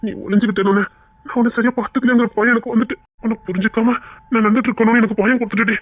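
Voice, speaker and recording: A woman voicing a remorseful, tender young husband with a Tirunelveli Tamil accent, in a web-series drama. She pleads and repeats apologies quickly. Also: fairly high pitch, fairly even intonation, a little hiss or hum, natural voice. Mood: firm tender.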